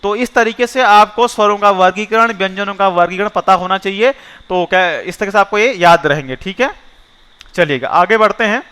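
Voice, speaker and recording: A man's voice: high voice, pushed and bright, clean tone. A male teacher going through a mock exam. He reads each question aloud, quizzes the listeners, and then gives the answer himself. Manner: repeats each question and asks listeners before giving the answer; slows down to spell out options, speeds up when asking. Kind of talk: mock test walkthrough lesson.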